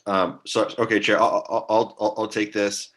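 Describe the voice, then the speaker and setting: Monotone low-voiced man with many ums. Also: normal speed. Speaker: staff attorney at a commission meeting. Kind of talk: formal meeting briefing.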